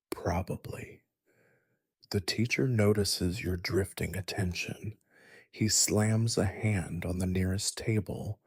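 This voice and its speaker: A man narrating a sleep story in a soft, gentle whispered role-play, close to the mic. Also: low-pitched, breathy edge, no room sound.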